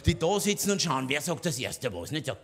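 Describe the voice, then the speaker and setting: A male cabaret comedian with an Austrian accent tells his routine in a chatty, conspiratorial way, often tossing in little tag questions to the listener. His voice sits a bit higher than most men's. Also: very animated, fairly quick, a bit bright, slightly rough, soft background music. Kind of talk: stand-up cabaret monologue.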